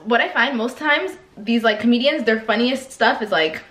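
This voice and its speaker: A woman's voice: on the high side, normal speed, fairly bright tone. A young woman from Canada co-hosting a casual chat about shows, talking emphatically and restarting her sentences. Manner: chatty, emphatic, trails off and restarts. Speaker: co-host reviewing shows. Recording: roomy echo.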